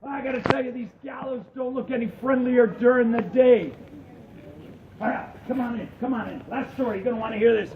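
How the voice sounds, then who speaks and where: Casting: male ghost tour guide, high voice, theatrical folksy storyteller, heard distantly in an echoing room. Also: fairly even intonation, fairly quick. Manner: dramatic, folksy old-time storyteller. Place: tour venue among a group of visitors. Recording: echoey reverberant room, distant mic, dull noisy audio.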